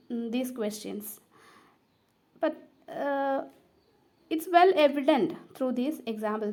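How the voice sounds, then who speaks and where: A woman lecturing on language history, pausing often with fillers and restarting her sentences. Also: a little high, a little mellow. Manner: halting, many fillers and restarts. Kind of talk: classroom lecture.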